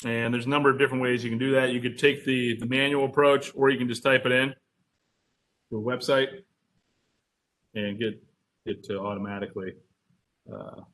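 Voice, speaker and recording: A man's voice: medium pitch, pushed and bright, poor audio. A man teaching an online class as instructor in a casual, conversational, explanatory way.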